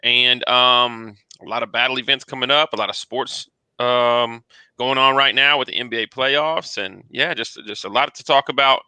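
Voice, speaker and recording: Male podcast co-host, easygoing delivery, dry close sound, very sharp tone. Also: mid-range voice, fairly even intonation, moderate pace, clear, resonant tone, no room sound. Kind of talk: casual podcast chat.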